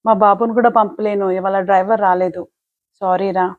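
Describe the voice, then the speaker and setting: A woman's voice: medium pitch, fairly even intonation, a little fast, dry recording, lightly acted. Woman voicing a defensive young mother, stubborn and self-justifying, dull dry recording. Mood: apologetic.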